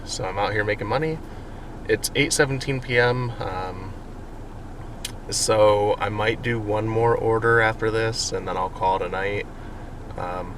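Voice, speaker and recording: A man's voice: lowish voice, a bit bright. A man talking casually and chattily to viewers in an upbeat vlog update as a food delivery driver. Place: in and around a car, between deliveries. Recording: clear car and street noise.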